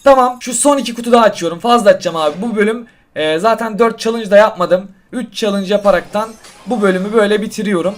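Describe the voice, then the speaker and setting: A young man giving casual gameplay commentary to his viewers, excitable and quick to get frustrated. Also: high voice. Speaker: gaming YouTuber. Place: hot room at home.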